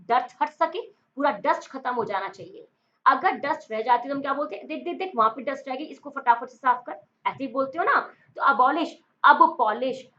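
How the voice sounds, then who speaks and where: A woman teaches English vocabulary in a chatty, playful online lesson, mixing English words into her explanations. Her voice sits fairly high. The recording sounds dull and lo-fi. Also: a bit bright. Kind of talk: online exam-prep lesson.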